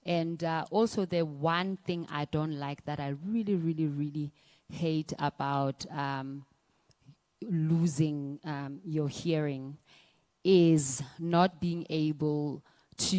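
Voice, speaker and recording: A woman's voice: low voice, a little mellow. A woman, a singer giving a personal testimony talk at a conference, hesitant, with many fillers and restarts. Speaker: singer and performer sharing her story.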